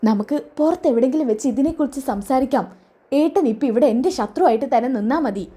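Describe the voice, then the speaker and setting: A woman's voice: sits high, lively intonation, fast, warm tone. A woman voicing a cautious, nervous young adult daughter who keeps her voice down, in a retold serial story. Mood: anxious.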